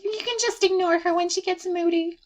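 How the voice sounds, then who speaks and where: Donna giocosa dalla voce molto acuta. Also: female voice, very high-pitched, steady tone, a little fast. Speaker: guest voice actor. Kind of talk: casual chat during a let's play.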